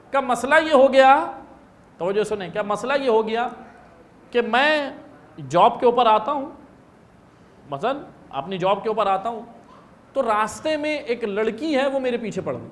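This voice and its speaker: A man's voice: sits high, fairly bright tone. A male religious scholar giving an impassioned sermon in a hall, telling a story and acting out its dialogue. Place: prayer hall.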